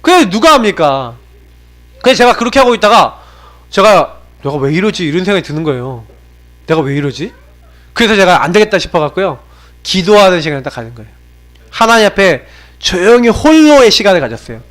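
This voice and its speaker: A man preaching a sermon to his congregation as pastor, swinging between raised exhortation and low, confiding tones, and asking many rhetorical questions. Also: sing-song, fairly quick, fairly bright tone. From South Korea. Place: church sanctuary.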